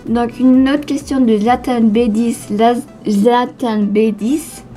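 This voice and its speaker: A woman's voice: a little high, fairly even intonation, slow, warm tone, soft background music. Teenage girl with a slushy lisp. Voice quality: slushy lisp from new dental brace. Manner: hesitant, stumbling over words. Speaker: YouTube gamer answering viewer questions. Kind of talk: casual Q&A vlog.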